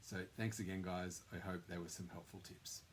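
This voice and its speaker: A man's voice: low-pitched, normal speed, slight background noise. A man conductor giving casual practice tips to his orchestra, now and then singing rhythms on nonsense syllables. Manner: relaxed, conversational, sings rhythms with syllables. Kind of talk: instructional talk to orchestra members.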